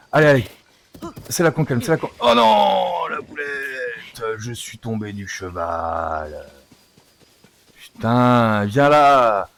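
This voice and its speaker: Excitable man narrating his gameplay. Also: medium pitch, vocal fry. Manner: excitable, coaxing, talks to the game. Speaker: let's play streamer. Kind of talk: live gameplay commentary.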